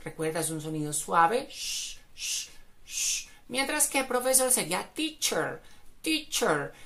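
A woman with Spanish as her first language, teaching English pronunciation and repeating each word slowly for practice. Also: mid-range voice, a bit bright. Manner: repeats words slowly for drilling. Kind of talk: pronunciation lesson.

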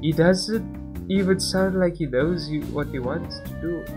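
A gaming channel host, a young adult man, reads game text out loud in a relaxed let's-play and wanders into rambling asides, often interrupting himself. He speaks a little slowly in a higher voice while music plays behind him.

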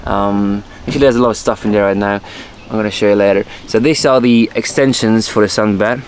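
Fairly quick and on the low side, with fairly even intonation, a man informally explains his own boat while out on the water in an open motorboat, stopping to correct himself now and then. Boat and outdoor noise can be heard.

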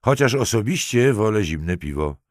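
A man's voice: on the low side, very animated, moderate pace, dry recording, pitched above the performer's own voice. A man reading a self-assured police lieutenant who trades dry, ironic banter. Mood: wry.

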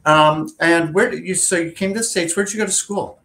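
A man's voice: fairly high pitch, fairly quick, fairly bright tone. Upbeat middle-aged man hosting a video call. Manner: upbeat, friendly, conversational with fillers. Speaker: host. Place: home office with a wooden door. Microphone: webcam on a video call.

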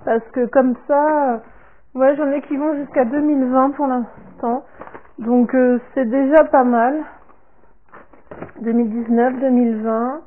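Slow high-voiced woman, tinny phone-like sound. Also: fairly even intonation, slight background noise. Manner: slow and halting, repeats "comme ceci" and "voilà", trails off softly. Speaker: vlogger showing a product order. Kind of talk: casual unboxing talk to camera.

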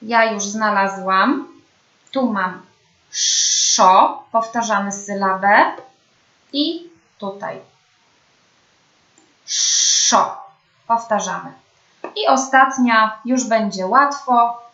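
Slow, patient woman teaching children. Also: medium pitch, fairly bright tone. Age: young adult. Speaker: speech therapist. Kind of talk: children's speech therapy lesson. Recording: dull, roomy home recording.

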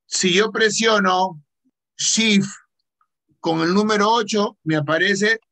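Man, Peruvian Spanish accent, teacher, high bright voice, slow patient delivery. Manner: patient, asks questions then answers himself. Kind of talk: online computer lesson.

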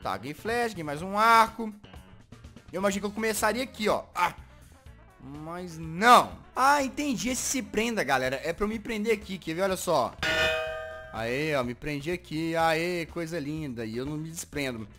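A man with a Brazilian Portuguese accent giving excitable Minecraft parkour gameplay commentary as a gaming video host. He swings from muttering to frustrated yelling. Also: fairly high pitch, moderate pace, soft background music.

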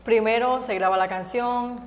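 A woman's voice: a little high, moderate pace, highs cut off. Laughing Venezuelan woman singer, reverby studio. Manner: lively, laughs often, many fillers. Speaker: singer, interview guest. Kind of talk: casual interview chat. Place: TV studio set.

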